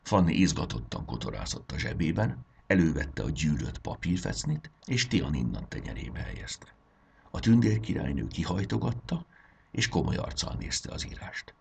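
A man reading a children's fairy tale aloud, expressive and gentle. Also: very deep voice, creaky, slightly rough. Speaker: storyteller.

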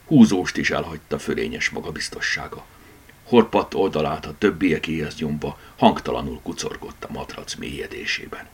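A man narrating a children's book chapter, expressive and dramatic in his storytelling. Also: extremely low pitch, husky. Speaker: audiobook narrator. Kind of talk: scripted narration.

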